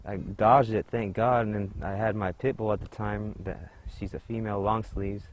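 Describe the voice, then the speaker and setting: A man's voice: on the low side, flat delivery, moderate pace, background noise. A man being interviewed outdoors in a park, casually retelling events with quoted dialogue and some cussing. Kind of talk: casual storytelling.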